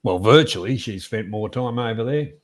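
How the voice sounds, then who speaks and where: A middle-aged Australian man hosts in a loose, chatty style. He rambles through anecdotes in plain blokey slang, sounding like a casual trivia host at an average male pitch. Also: normal speed.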